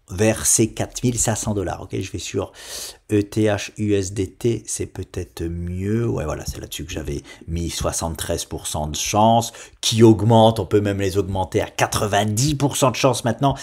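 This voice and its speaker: A man from France hosts an investing talk show in a loose, conversational way. He rants and addresses his viewers directly, with his voice jumping high for emphasis and dropping to quiet asides. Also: unhurried, husky. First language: French. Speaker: investing channel host. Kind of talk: casual market commentary.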